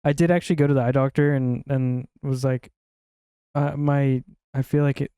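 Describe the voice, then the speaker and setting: A man's voice: medium pitch, flat delivery, moderate pace, warm tone, clear, resonant tone, no echo, studio quality. A man co-hosting a podcast, rambling through casual anecdotes and acting out what others said. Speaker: podcast co-host. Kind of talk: casual chat.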